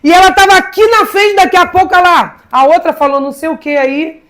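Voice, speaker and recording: A woman pastor delivering a sermon, dramatic, swinging between loud preaching and hushed storytelling and repeating words for emphasis. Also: extremely high pitch, fairly even intonation, fairly quick.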